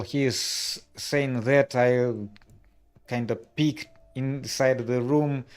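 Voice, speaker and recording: A man's voice: medium pitch, darkish tone. A man playing a tabletop game, describing his character's actions in a casual, hesitant way.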